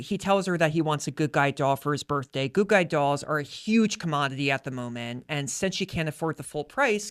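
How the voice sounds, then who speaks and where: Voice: mid-range voice, fairly bright tone. A podcast host in casual chat, recapping a movie's story and breaking into jokes along the way.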